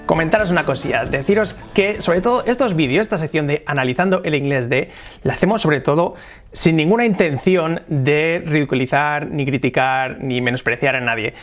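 A man with a Spain Spanish accent, teaching English pronunciation in a video lesson and slowly demonstrating English phrases. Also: on the high side, faint music behind.

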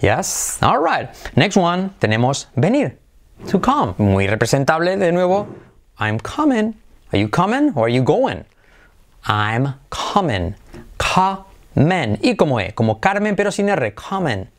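A man teaching English to Spanish speakers, switching between both languages and repeating example phrases, checking in with quick questions. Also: sits high. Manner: lively, drills phrases by repeating them, checks in with "¿sí?" and "all right". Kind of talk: bilingual language lesson.

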